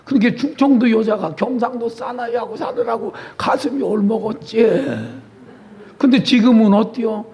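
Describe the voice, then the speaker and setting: High-voiced pastor with a Chungcheong lilt. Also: male voice, steady tone, normal speed, lo-fi sound, a little hiss or hum. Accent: Chungcheong dialect. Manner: folksy, teasing congregation members by name. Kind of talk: sermon. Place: church sanctuary.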